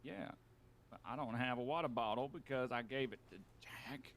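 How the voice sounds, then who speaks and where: A man's voice: medium pitch, expressive, normal speed, a bit bright. A man in an in-character western role-play, bantering in a dry, stubborn drawl.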